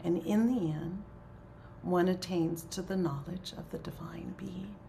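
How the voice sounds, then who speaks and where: A woman leading a prayer circle, speaking gently in a soft, often half-whispered way during a spiritual talk and prayer. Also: on the low side, steady tone, measured pace, vocal fry, slight background noise.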